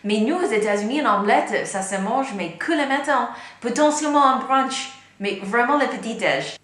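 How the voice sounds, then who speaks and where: A woman's voice: fairly high pitch, moderate pace, fairly bright tone. Chatty woman, strong American accent. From United States. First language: English. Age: young adult. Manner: chatty, often strings thoughts together with "donc". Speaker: YouTube vlogger. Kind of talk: casual direct-to-camera vlog. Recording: echoey room.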